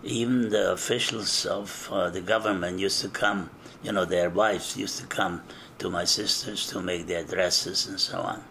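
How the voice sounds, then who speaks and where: Slow, gravelly older man reminiscing. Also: sits low, fairly even intonation, bright, forceful tone, slight background noise. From eastern Czechoslovakia. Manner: slow, measured recollection with frequent hesitations. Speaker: interviewee. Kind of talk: oral history testimony.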